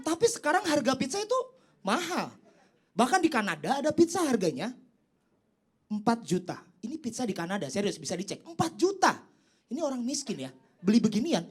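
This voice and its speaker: A young man performing a stand-up comedy set on stage, teasing the crowd and leaping up in pitch for his punchlines. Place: comedy stage before a live audience. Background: audience laughter and applause.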